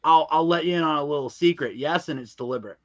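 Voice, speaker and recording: This podcast guest, an audio drama creator and narrator, chats casually about what he makes, speaking quickly with a higher-than-average voice. He's emphatic, slangy, and keeps repeating phrases; the recording is muffled with no room sound.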